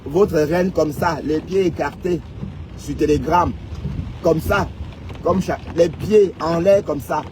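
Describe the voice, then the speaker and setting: A man with a fairly high voice talks straight to his online audience in a teasing, sing-song live-stream ramble. He keeps checking in with a mocking "hein?". A loud engine and water rumble sit under his voice throughout. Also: takes it slowly. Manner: teasing, sing-song, addressing viewers directly with many "hein?".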